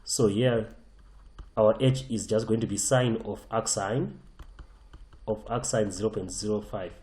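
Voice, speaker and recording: A man's voice: on the low side, unhurried, darkish tone, reverberant. A man teaching a physics lesson over a whiteboard, emphatic and often repeating and restarting his phrases. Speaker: physics tutor.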